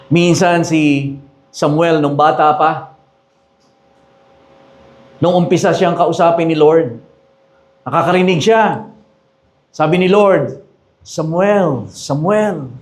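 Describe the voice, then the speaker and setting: Emphatic pastor, high voice. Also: male voice. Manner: emphatic, mixes English phrases into preaching. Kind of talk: sermon.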